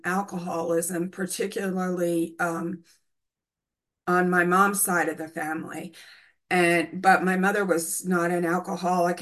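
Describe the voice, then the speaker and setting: A woman in her sixties from the United States tells her own recovery story in a candid, hesitant way, often pausing with "um". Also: lowish voice, fairly bright tone. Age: 60s. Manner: hesitant, many ums, candid. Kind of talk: personal testimony.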